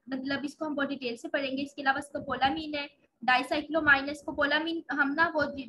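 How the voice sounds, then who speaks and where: A woman's voice: high-pitched, sharp tone, a little hiss or hum, poor audio. A woman giving a pharmacology lecture to medical students, explaining patiently step by step and often restarting over hard drug names.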